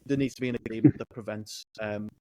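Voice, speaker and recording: Flat-voiced man talking earnestly. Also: lowish voice, crowd noise, low-quality recording. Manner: earnest, deliberate, corrects himself. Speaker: podcast host. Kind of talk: casual podcast chat.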